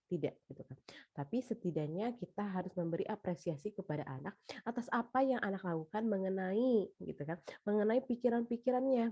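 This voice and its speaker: A woman's voice: on the low side, mellow, slightly rough, dry recording. A woman giving a casual spoken lecture on teaching children, chatty, with frequent fillers and tag questions. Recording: dull lo-fi sound.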